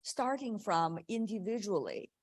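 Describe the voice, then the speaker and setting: A woman's voice: mid-range voice, expressive, measured pace, dry recording. A woman moderating a policy panel discussion, affirming speakers and making joking asides.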